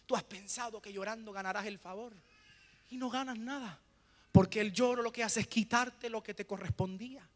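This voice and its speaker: A male pastor preaching a sermon, asking rhetorical questions and pausing for the congregation to fill in the answer. He swings between hushed lines and loud, emphatic bursts. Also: sits high, steady tone, in a large hall. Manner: preaching with rhetorical questions and call-and-response pauses.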